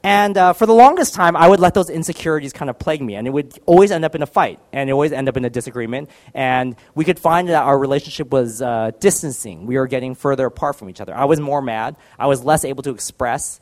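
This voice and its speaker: A man's voice: mid-range voice, fast, few pauses. Candid man sharing a faith story. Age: adult, married. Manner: candid, self-deprecating storytelling. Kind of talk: personal faith testimony.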